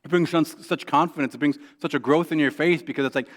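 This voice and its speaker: A male pastor preaching a sermon in a conversational way, often asking "right?" and restarting his sentences. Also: fairly high pitch. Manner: acts out quoted prayers in a soft, hushed voice; halting restarts and repeated words.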